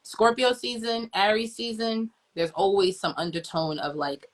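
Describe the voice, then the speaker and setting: A woman's voice: medium pitch, fairly even intonation, moderate pace. A woman joins a livestream as a guest astrologer over a video call. She speaks in a casual, matter-of-fact way and explains things at length. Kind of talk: casual conversation.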